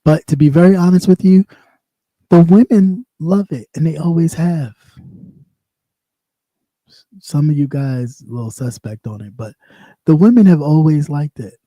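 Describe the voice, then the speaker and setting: A slightly high, warm male voice moves at normal speed with long pauses, captured in a dry, rough recording. The light-voiced livestream host, once a radio host, rants bluntly and casually with sass, looping back and repeating himself.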